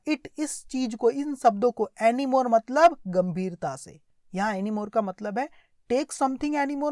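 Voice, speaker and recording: This English teacher, a woman with an Indian accent, walks through a translated story phrase by phrase, repeating often to check understanding. Her voice is on the high side and a little mellow, in clean studio sound with no room sound.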